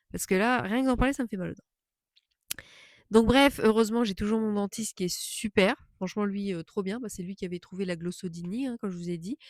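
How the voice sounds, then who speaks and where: A woman speaks casually, as if chatting to viewers in a storytime vlog, with a mid-range pitch and a dry, close sound. She is indignant and emphatic, and circles back to repeat phrases for stress. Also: dry recording. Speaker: vlogger telling a personal story.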